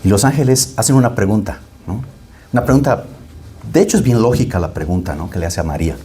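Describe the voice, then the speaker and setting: Male pastor, deep and mellow, chatty sermon, faint hiss behind. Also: quick pace. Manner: conversational, often asks "¿no?" to the congregation; restarts and repeats words while thinking aloud.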